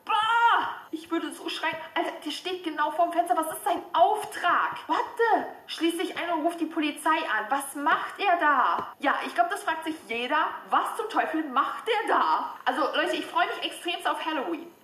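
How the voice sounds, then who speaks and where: A young woman hosting her own channel, reading scary chat messages aloud in a lively, excitable way. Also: high voice, moderate pace, hardly any pauses. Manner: lively and excitable, squeals and laughs at scary parts. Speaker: horror chat YouTuber. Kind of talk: reading out scary chats to viewers. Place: room at home, sitting on a stool. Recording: echoey room, faint background noise.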